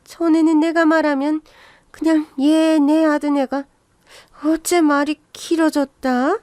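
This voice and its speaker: A woman's voice: high-pitched, little pitch movement, slow pace, darkish tone, dry recording, pitched above the performer's own voice. A woman voicing a bossy, scornful older mother-in-law who nags and scolds, as part of a radio story reading. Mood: scolding. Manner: scornful, nagging.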